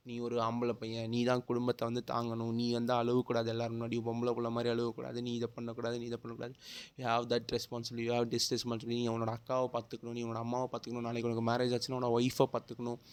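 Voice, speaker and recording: A young man with a Tamil accent speaks earnestly to his viewers and often slips into English. His voice sits at a middling pitch, and he keeps putting questions straight to the audience. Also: no room sound. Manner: earnest, mixes English into speech, asks viewers direct questions. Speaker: video host. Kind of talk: opinion talk to camera.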